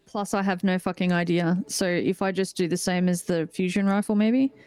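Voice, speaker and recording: A woman's voice: on the low side, steady tone, normal speed, darkish tone, smooth, no echo. A woman playing a tabletop game, chatting casually and swearing freely. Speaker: player.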